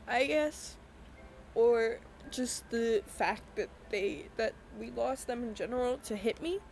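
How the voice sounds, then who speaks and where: A young woman speaks alone into a podcast mic while crying, her slightly high voice breaking into halting, apologetic phrases. A faint background hum sits under her words. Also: darkish tone, poor audio. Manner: halting, apologetic, tearful with many pauses. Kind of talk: personal podcast monologue.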